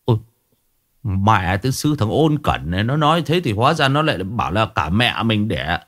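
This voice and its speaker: A man's voice: on the low side, big pitch swings, normal speed, fairly bright tone, no room sound, clean studio sound. A man voicing a sly, mocking bald older man. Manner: sneering, taunting.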